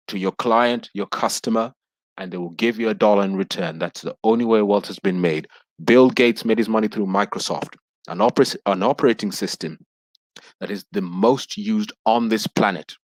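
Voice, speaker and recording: Taking part as a panel guest in a relaxed video-call discussion, a thirty-something man comes across as earnest and formal, often saying sir to the others. The recording is dry, and his pitch is fairly low.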